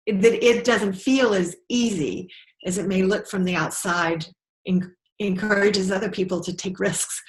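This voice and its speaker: A woman co-hosts an online panel and speaks with earnest warmth. Her voice sits a little low for a woman. The sound is roomy and echoey, as if picked up by a call mic in a bare room. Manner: earnest and warm in thanks. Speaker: author and co-host.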